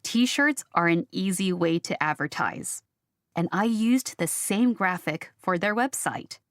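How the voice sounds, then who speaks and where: Low-voiced woman in a scripted interview. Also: animated, a little slow, fairly bright tone, no echo, studio quality. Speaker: graphic designer interviewee.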